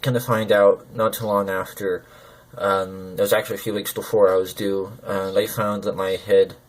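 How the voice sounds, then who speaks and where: A man talking personally to camera, hesitant and halting, with slurred lip consonants as if numb from the dentist. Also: lowish voice, level tone, low-quality recording. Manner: hesitant, halting, searching for words. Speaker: gaming video creator.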